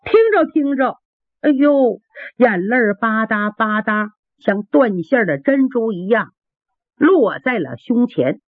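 A woman telling a traditional story in an animated, vivid, colloquial way. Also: on the high side, measured pace, no echo. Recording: dry, tinny phone-like sound.

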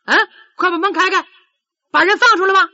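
A hearty old father coaxes in a raised, bright voice, as a woman storyteller acts him out. The line rises into loud, high pleas. The recording is dull. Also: a little fast, full character voice. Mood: coaxing.

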